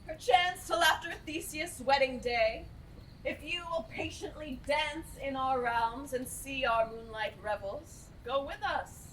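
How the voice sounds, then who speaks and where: A woman's voice: high voice, unhurried, a bit bright. A woman acting a proud, wrathful fairy queen in verse on stage, with a hammy, declamatory Shakespearean delivery. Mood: cold defiance. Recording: distant mic, noisy stage recording.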